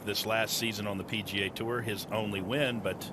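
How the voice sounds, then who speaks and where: A man's voice: fairly low pitch, fairly even intonation, normal speed. A man working as a golf commentator, giving live analysis of televised play. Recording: noisy outdoor broadcast sound.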